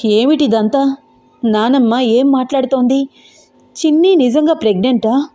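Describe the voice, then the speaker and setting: A woman's voice: high-pitched, a little slow, mellow, soft background music, voice pushed up. A woman voicing a fretful young husband. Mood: worried. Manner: fretful, questioning himself. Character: anxious young husband, worried and restless.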